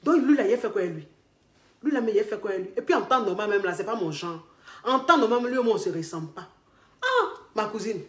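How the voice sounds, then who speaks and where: A woman with an Ivorian French accent, working as a relationship coach, telling comic stories. She is expressive, repeats herself, laughs often and acts out the dialogue. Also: mid-range voice, brisk. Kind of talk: animated comic storytelling. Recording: echoey room.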